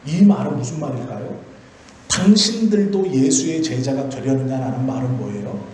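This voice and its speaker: In a very echoey church hall, a male pastor delivers a Friday prayer sermon, explaining by posing questions and answering them himself. His voice is fairly high and mellow, with a little hiss or hum.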